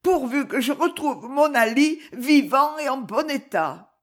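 Anxious older lady, put on by a woman reading, breathless and pleading, pitched a bit higher. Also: lively intonation, measured pace. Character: older anxious woman seeking her lost dog.

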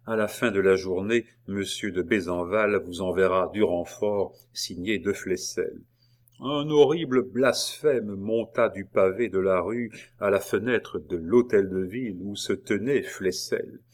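A man narrates a historical novel in a measured, dramatic reading. His voice sits on the low side and he paces the sentences with care. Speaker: audiobook narrator. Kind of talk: scripted narration.

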